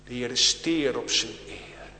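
Slow, solemn male preacher in an echoing church. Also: medium pitch, a little hiss or hum. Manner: solemn preaching cadence, swelling and dropping in loudness; addresses the congregation directly with archaic biblical phrasing. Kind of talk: sermon. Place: large church. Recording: echoey church hall with long reverb.

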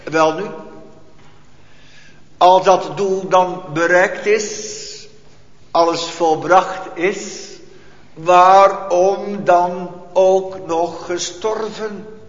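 A man preaching a solemn sermon, asking rhetorical questions and leaving long pauses. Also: high-pitched, fairly even intonation. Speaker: pastor. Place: church hall. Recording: echoey church hall, dull lo-fi.

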